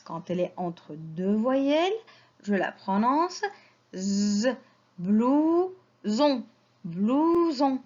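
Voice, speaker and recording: A woman leads a children's spelling lesson, stretching each syllable out and asking patient questions that she answers herself. Her fairly high voice moves a lot in pitch and goes at an unhurried pace. The recording sounds a little dull and lo-fi. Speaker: teacher. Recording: slightly dull lo-fi audio.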